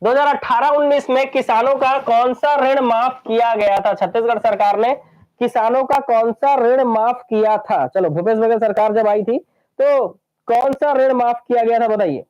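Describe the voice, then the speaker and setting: Very high-pitched yet slightly mellow, this man moves at a moderate pace as he teaches an exam-prep lesson. Hailing from Chhattisgarh, India, he drills lists through constant repetition and quizzes his students. Sound quality is dull and lo-fi.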